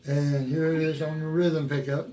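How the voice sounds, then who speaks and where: A man teaches guitar in a roomy, echoing space. His voice is worn yet mellow and sits a little high. He talks casually and folksily, halting and circling back over what he has said. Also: flat delivery. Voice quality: worn voice from years of rock and roll. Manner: folksy, halting, repeats himself. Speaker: guitar teacher and video host. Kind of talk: casual instructional talk to viewers. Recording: roomy, echoing room sound.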